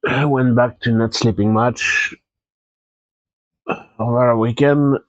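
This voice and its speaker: A man's voice: medium pitch, steady tone, slow pace, no room sound, muffled recording. A tired, congested man chatting casually as a live-stream host, rambling easygoing with fillers and restarts. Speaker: Twitch streamer.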